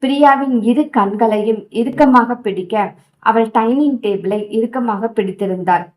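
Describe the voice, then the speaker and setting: A woman narrating a romance audio novel with steady storytelling. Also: fairly high pitch, moderate pace, low-quality recording.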